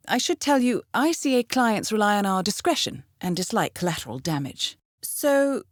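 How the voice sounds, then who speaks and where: Here the actress's mid-range female voice gives the intelligence handler a dry, wry mood as she briefs an assassin with formal, ironic understatement. The character is composed and dryly witty, and the studio-quality recording carries no room sound.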